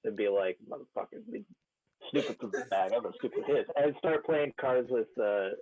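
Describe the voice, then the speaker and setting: A man's voice: mid-range voice, fairly quick, darkish tone. A man playing a tabletop game, casually saying what his character does, over a muffled, thin connection. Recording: muffled, thin, phone-like line.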